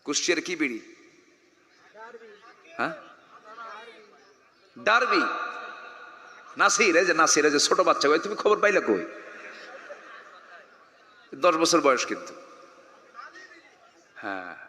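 A man preaching a sermon to a large gathering, joking and urging the crowd to answer louder. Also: fairly high pitch, slow pace, long pauses, roomy sound, long reverb tail, a little hiss or hum. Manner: animated, jokes and calls on the audience to answer louder. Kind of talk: Bengali waz sermon to a crowd.

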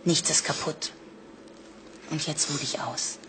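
Brief: a low-voiced, soothing yet brisk nurse, noisy ward. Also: female voice, steady tone. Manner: soothing but firm. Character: firm, soothing hospital nurse.

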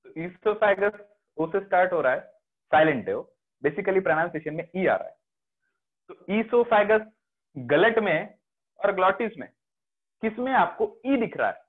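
A man's voice: sits high, lively intonation, unhurried, pauses often. A man with an Indian accent teaching a biology class online, mixing Hindi and English and often checking that students follow. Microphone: video call. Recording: phone-like online class audio.

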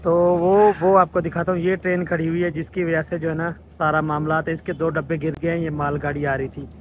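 A fairly quick, slightly high male voice with little pitch movement comes through a rough recording with slight background noise. This Pakistani Urdu-accented vlogger chats and teases while filming a train trip from the platform and carriage.

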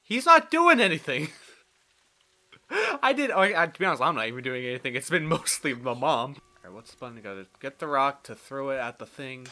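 Animated, sarcastic man joking over a game. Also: medium pitch, brisk. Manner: sarcastic, mock-exasperated. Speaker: gameplay video host. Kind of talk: joking gameplay commentary.

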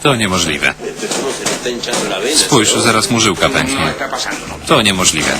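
Very low male voice-over reader. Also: animated, slow pace. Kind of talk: Polish-style single-voice TV voice-over reading.

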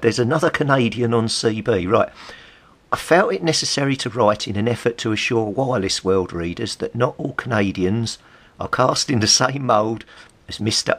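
Flipping through old magazines, a CB radio hobbyist and vlogger reads passages aloud and adds wry, amused remarks. He's a middle-aged man with an English accent and a mid-range, slightly bright voice, chatting casually.

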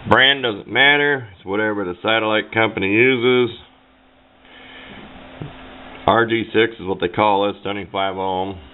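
A folksy DIY radio enthusiast walks through a casual hands-on demo at his workbench, speaking at normal speed in a fairly low voice. The camera microphone gives muffled, phone-like sound with background noise.

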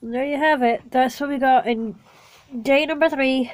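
A woman with a sniffly cold, calmly narrating each step of building a small toy set in a casual vlog. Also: high-pitched, moderate pace, no echo, rough recording. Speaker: toy vlogger. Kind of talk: casual unboxing and building walkthrough.

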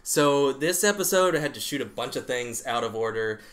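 A man co-hosting a horror podcast, chatting casually with deadpan jokes. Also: mid-range voice, normal speed. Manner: jokey, deadpan banter. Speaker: podcast co-host. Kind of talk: casual comedic chat.

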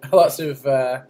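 A man's voice: a little high, darkish tone. A man co-hosting a podcast, talking casually, joking crudely and laughing often. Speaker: podcast co-host.

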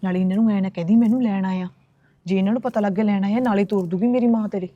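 A woman's voice: medium pitch, fairly even intonation, dark tone, no echo. A woman acting a young wife who scolds her husband in a comic web series. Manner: scolding, fast village chatter. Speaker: actor playing a young wife. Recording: dry, muffled lo-fi phone audio.

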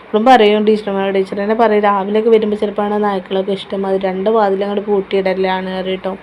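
This is a woman, talking casually to her viewers in a home vlog. Her pitch stays level with little rise or fall, and her tone is chatty and motherly. Faint background noise runs under the recording. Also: completely flat delivery, very fast. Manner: chatty, keeps adding a tag word, warm motherly advice. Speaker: vlogger.

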